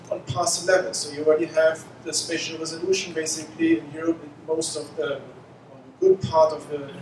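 Man on an echoey conference panel. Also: a little high. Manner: halting, many fillers and restarts. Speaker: panelist, mission scientist. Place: conference room, indoors. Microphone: handheld mic. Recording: echoey hall, mic from far off, noisy.

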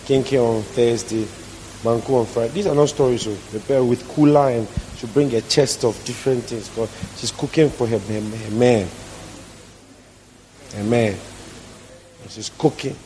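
A man's voice: medium pitch, normal speed, mellow, slight background noise, poor audio. A man preaching a sermon as a pastor, emphatic and repeating his key phrases.

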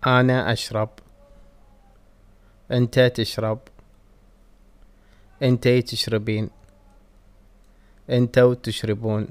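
A man with a Kuwaiti accent, reading Arabic verb conjugations and English translations slowly and deliberately in a language lesson. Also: mid-range voice, darkish tone. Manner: slow, deliberate word-by-word reading. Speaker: Arabic teacher. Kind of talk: reading vocabulary drills.

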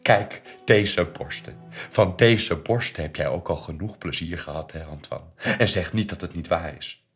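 A man's voice: unhurried, faint music behind. A man with a Flemish accent voicing a grieving mother who screams and curses in a stage monologue. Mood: shrieking grief. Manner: shrill, screaming, sobbing. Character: grieving hysterical mother, shrieking and cursing.

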